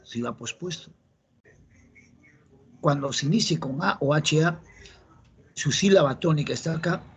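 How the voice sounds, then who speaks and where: There's a little hiss or hum under this man's slightly high voice as he leads a grammar lesson for an entrance exam in a Peruvian Spanish accent. He repeats the key rules, explains them patiently, and quizzes the class.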